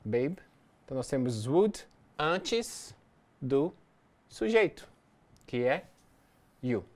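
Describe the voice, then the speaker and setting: Course teacher, methodical explainer, animated intonation, mid pitch. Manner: explains step by step, reads English examples slowly. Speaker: English teacher. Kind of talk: recorded distance-learning lesson.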